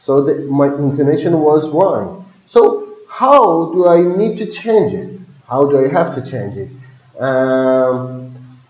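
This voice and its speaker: A man's voice: a little high, very animated, slow. A man with a Persian accent teaching a pronunciation lesson, calling on students by name and drawing out example sentences. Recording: echoey, dull lo-fi classroom audio.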